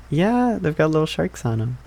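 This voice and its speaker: A young man playing an affectionate, playful, slightly needy boyfriend in a soft, hesitant, rambling ASMR ASMR role-play. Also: fairly high pitch, gravelly, slight background noise, exaggerated voice. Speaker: ASMR performer.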